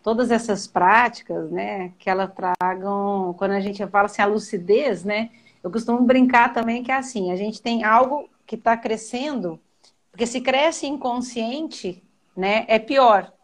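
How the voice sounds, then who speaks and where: A woman's voice: a little high, a little slow. Reflective woman in conversation. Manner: reflective, fills with frequent "né". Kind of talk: casual conversation.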